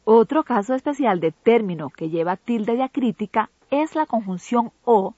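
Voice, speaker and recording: A woman co-hosting an educational radio program, reading a Spanish grammar lesson in a measured, didactic way. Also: fairly high pitch, lively intonation, dark tone, breathy edge, dry recording. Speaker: co-host of a language program. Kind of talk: scripted educational radio narration. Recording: dull lo-fi broadcast audio.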